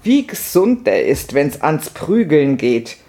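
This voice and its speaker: Man putting on a brash old woman, loud and scoffing, raised voice, storybook reading. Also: on the high side, sing-song, takes it slowly. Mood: scornful. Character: brash old woman mocking her husband.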